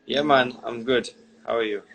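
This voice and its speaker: A man hosting a livestream, chatting with callers in a relaxed, brief way. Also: mid-range voice, moderate pace, vocal fry. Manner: laid-back, relaxed, brief replies. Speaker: livestream host. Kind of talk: casual chat.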